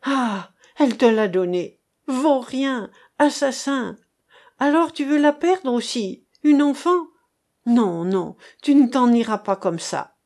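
Frantic mother, poor and desperate, put on by a woman reader; high, loud, accusing, for a storybook reading. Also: slow pace. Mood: furious. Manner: shouting, accusing.

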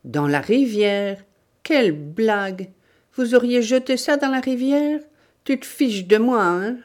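A woman's voice: fairly low pitch, big pitch swings, unhurried. A woman doing a raging brutal bandit. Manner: shouting, threatening.

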